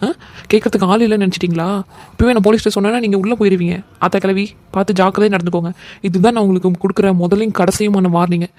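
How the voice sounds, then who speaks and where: A voice actor playing a young new wife in a cartoon comedy, wailing complaints and loud threats. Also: mid-range voice, steady tone, very fast, dry recording, natural voice. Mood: dramatic.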